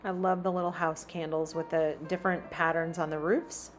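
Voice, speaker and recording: A woman's voice: lowish voice, flat delivery, moderate pace, faint music behind. Chatty woman browsing a store. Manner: chatty, reads out prices while browsing. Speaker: shopping vlogger. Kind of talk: casual shop-with-me narration. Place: inside a large store.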